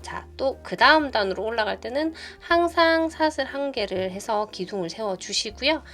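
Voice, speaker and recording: A woman's voice: a little high, lively intonation, normal speed. A woman hosting a crochet tutorial, patiently talking through each step and counting stitches aloud as she demonstrates. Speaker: knitting tutorial host. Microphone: phone camera. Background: soft background music.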